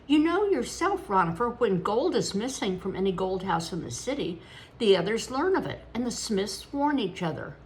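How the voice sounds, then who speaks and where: A woman in her older years reading aloud as an eager, cheeky, irrepressible young boy with a boastful, quick-witted way of talking. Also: mid-range voice, big pitch swings, a little hiss or hum, voice pushed up, close to an everyday voice.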